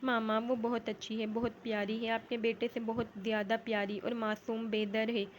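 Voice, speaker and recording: A woman's voice: a little high, little pitch movement, a little hiss or hum, close to an everyday voice. A woman reading an earnest pleading young son. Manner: earnest, apologetic.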